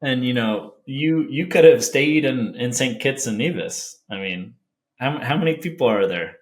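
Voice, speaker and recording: A man hosting a conversational business interview, halting and rephrasing as he builds his questions. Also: mid-range voice, lively intonation. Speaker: interview host.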